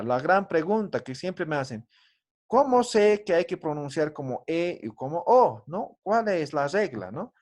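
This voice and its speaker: A man teaches an online class over a video call, slow and deliberate, his voice a touch higher than most men's. He is patient and keeps checking that everyone follows with short tag questions. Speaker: language teacher.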